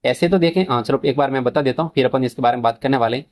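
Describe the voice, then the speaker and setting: A man's voice: mid-range voice, rapid-fire, a little mellow. A man teaching an exam-prep grammar lesson, asking the children questions, answering them himself and mixing in English terms. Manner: addresses students as children, mixes English terms into Hindi.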